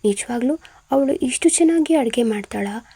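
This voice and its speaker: A woman's voice: fairly high pitch, lively intonation, moderate pace, dark tone, slightly rough, no room sound. A woman voicing an evasive young man, the son of the house.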